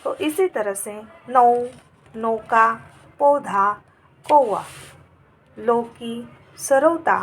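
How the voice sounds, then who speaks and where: Slow, gravelly-voiced woman teaching. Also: on the high side. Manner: slow, patient word-by-word dictation. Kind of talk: Hindi grammar lesson.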